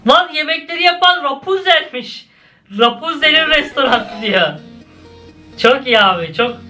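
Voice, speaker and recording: A man's voice: expressive, a little slow, sharp tone, soft background music. A young man casually commenting as he reacts to cartoon clips, often exclaiming and laughing. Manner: exclaiming, laughing, swings between high and low.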